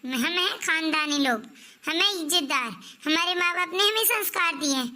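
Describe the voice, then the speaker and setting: A woman playing a sharp-tongued, defiant young daughter-in-law in a family comedy skit, scolding and threatening. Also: very high-pitched, lively intonation, normal speed, exaggerated voice.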